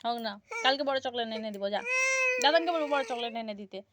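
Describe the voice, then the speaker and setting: A woman's voice: fairly high pitch, expressive, fast talker, very noisy. A young woman, a mother, talks to her small daughter in a home vlog, using coaxing, soothing baby talk. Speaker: family vlogger, mother.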